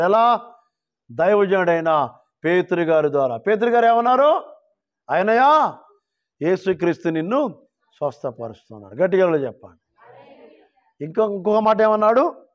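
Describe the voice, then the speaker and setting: A male pastor preaching a sermon, reading scripture slowly and calling on the church to shout hallelujah. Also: high voice, lively intonation, highs cut off. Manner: calls for loud hallelujahs, rising to shouts; drawn-out quoting of scripture verses.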